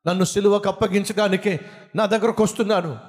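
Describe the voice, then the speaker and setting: A man's voice: sits high, fairly even intonation, fast, a little mellow, long reverb tail, natural voice. A man voicing a terrified condemned male prisoner who pleads in panic, inside a sermon.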